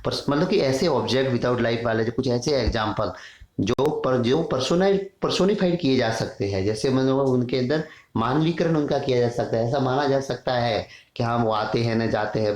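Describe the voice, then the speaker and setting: A man with a Hindi accent teaching an English grammar lesson, reading out long lists of word pairs and slowing down for English sentences. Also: medium pitch, a little mellow, roomy sound, low-quality recording. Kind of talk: classroom lesson, Hindi explanation with English words.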